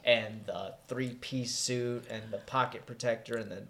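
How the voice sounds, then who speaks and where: A man co-hosting a casual movie chat, an animated storyteller who laughs often as he talks. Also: mid-range voice, a little slow. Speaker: podcast co-host.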